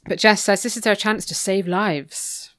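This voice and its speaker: Heard in studio-quality audio with no echo, this podcast co-host has a mid-range, slightly bright voice and a slightly slow pace. She chats casually through a book recap, tossing in wry, opinionated asides.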